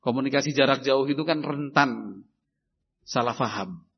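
A man preaching a sermon on parenting, acting out shouted exchanges between parent and child in an animated way. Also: mid-range voice, normal speed, vocal fry, slightly rough. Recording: dull lo-fi recording.

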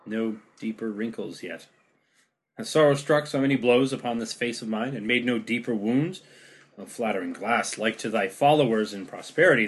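A man's voice: medium pitch, breathy edge, natural voice. A man reading the part of a grieving, mocking deposed king in an amateur play read-through, declaiming verse with wry sarcasm.

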